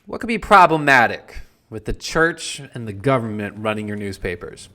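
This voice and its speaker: In a fairly low, sing-song voice that is pushed and bright, a man portrays a young colonial printer teaching history for laughs. He keeps a normal speed and a wry, playful manner throughout.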